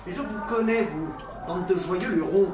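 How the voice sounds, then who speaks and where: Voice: medium pitch, normal speed, natural voice. An actor playing an eager, gossipy servant smitten with the mistress in a period audio drama. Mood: smitten, chatty. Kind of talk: period audio fiction acting. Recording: echoey, distant, noisy kitchen clatter.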